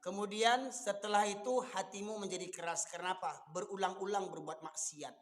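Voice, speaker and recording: Forceful male preacher, Minangkabau accent, fiery rhetorical delivery, long hall reverb. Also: high-pitched, steady tone, moderate pace. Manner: forceful, rises to shouting, fires rhetorical questions. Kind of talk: fiery sermon.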